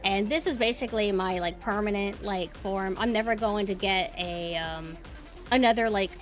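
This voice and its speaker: A woman's voice: medium pitch, normal speed. A woman streamer hosting a casual live-stream chat, talking informally and thinking aloud as she goes. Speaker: streamer, VTuber host. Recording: music behind the voice. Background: background music.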